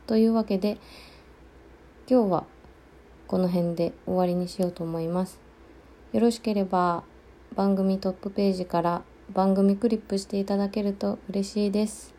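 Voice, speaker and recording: A woman in her thirties from Okinawa hosts her own solo talk show. Her voice is very dark and mellow, with a middling pitch. She chats loosely, often pausing on fillers as she searches for words. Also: steady tone. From Okinawa, Japan. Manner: chatty, many fillers and pauses. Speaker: podcast host.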